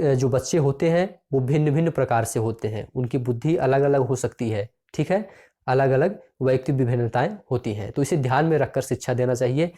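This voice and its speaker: Mellow-voiced male exam-prep teacher. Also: medium pitch. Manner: reads out questions and options, then repeats the answer; addresses listeners as friends.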